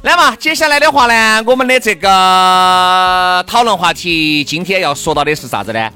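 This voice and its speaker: A man's voice: sits high, lively intonation, normal speed, sharp tone, clean tone, soft background music. A man with a Sichuan accent hosting a radio show in a jokey, teasing way. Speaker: radio host. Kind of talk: bantering talk show chat.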